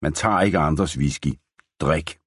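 A man voicing a menacing armed cowboy who speaks low and threatening. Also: husky, dry recording. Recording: dry close studio sound.

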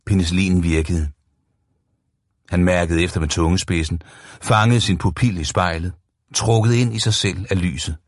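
A man narrating a novel as an audiobook, in steady, even storytelling. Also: deep voice, no room sound, clean studio sound.

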